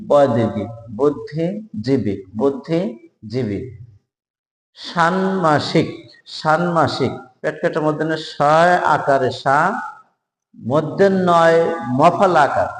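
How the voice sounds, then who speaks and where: Man, spelling teacher, slow letter-by-letter spelling, mid-pitched voice, roomy echo with a long tail. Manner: spells words out slowly, letter by letter. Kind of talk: spelling lesson for job exams. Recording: echoey room with long reverb.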